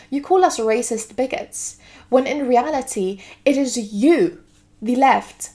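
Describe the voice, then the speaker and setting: A woman from Greece delivering an earnest, lecturing monologue. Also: fairly high pitch. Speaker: political video commentator. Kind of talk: scripted monologue to camera.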